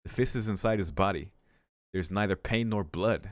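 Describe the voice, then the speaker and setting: With game music behind him, a low-voiced man reads visual novel narration at normal speed and chats casually as a let's play host. The recording is dry and has a clean studio sound.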